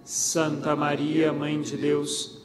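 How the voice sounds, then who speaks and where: A man with a Brazilian Portuguese accent leading a recited rosary prayer in a steady chant. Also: fairly high pitch, drawn-out words, crowd noise. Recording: long reverb with background music.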